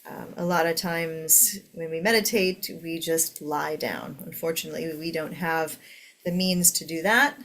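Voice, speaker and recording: A woman teaching a guided meditation to a seated group in a soothing, gentle way. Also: deep voice, steady tone, measured pace.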